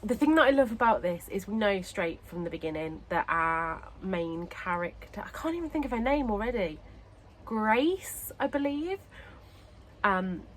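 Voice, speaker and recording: A woman's voice: medium pitch, big pitch swings, a little hiss or hum, rough recording. A woman vlogger talking casually about books, short of breath and ill. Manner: chatty, pauses to catch breath. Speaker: book vlogger. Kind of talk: casual chat to camera.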